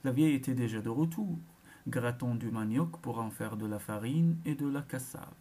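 Mellow, dark-toned storyteller reading a folk tale. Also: medium pitch. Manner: expressive, unhurried storytelling. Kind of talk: read-aloud folk tale narration.

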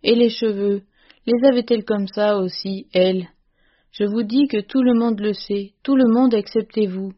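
A fierce old servant woman scolds loudly, domineering and stubborn, as a woman reader puts her on. Her voice pushes higher and louder than the reader's own, with a middling pitch underneath. The storybook recording sounds dull and lo-fi. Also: fairly even intonation, moderate pace, natural voice. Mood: furious. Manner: loud, scolding outbursts.

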